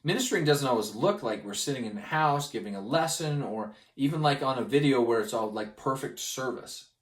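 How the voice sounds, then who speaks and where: A man from Canada presenting a gospel study lesson, telling a personal story with lively delivery and acting out the people in it. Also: mid-range voice, fairly quick, echoey room. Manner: animated, acts out the people in his stories.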